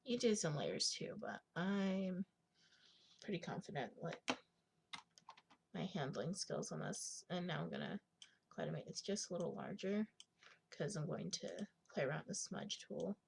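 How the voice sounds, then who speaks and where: A young woman with a raspy smoker's voice giving a casual screen tutorial, thinking aloud in informal, slangy speech and often clearing her throat. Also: on the low side, expressive, normal speed, long pauses, a little hiss or hum. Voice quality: husky smoker's rasp with gravelly creak. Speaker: digital art tutorial host.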